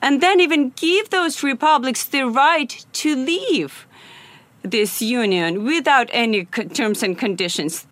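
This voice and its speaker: A woman heard as a live interpreter, translating a speech in a halting way and repeating questions as she follows the speaker. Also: high-pitched, a bit bright. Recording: archive clip played into the show.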